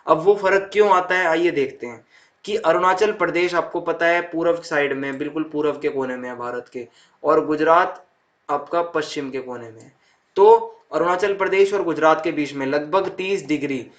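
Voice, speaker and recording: A man's voice: a little high, moderate pace, fairly bright tone. A young man teaching a school geography lesson, going over each point again and checking in with the students. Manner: repeats points with "thik hai" check-ins. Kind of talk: explaining a textbook chapter to students.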